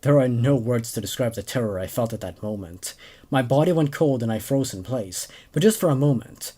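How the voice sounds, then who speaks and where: Here the horror show host, a man in his twenties, talks a little fast in a warm, expressive, medium-pitched voice. He reads the stories aloud and chats casually about them, hesitating and repeating words as he comments.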